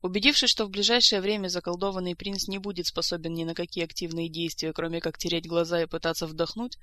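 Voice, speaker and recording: An audiobook narrator reading a fantasy story with lively storytelling. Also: mid-range voice, fast talker. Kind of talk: scripted narration.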